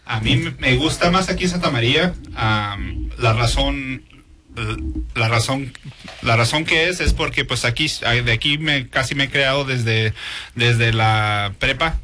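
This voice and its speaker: Man born in Mexico, police sergeant, bright voice, hesitant, many fillers. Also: mid-range voice, measured pace, slight background noise. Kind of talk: interview answers.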